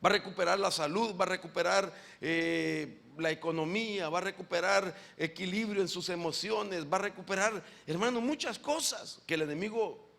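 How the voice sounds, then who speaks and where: A man preaching a sermon as an apostle. He is animated, asks the congregation questions directly and keeps calling them brother. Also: sits high, moderate pace, creaky, few pauses.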